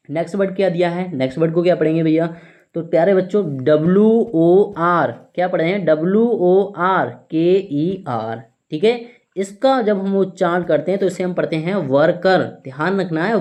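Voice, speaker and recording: A male teacher giving an English vocabulary lesson in Hindi. He asks a question, answers it himself, and spells each word out slowly one letter at a time, with "theek hai" in nearly every sentence. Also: fairly high pitch, a little mellow. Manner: repeats "ठीक है" often.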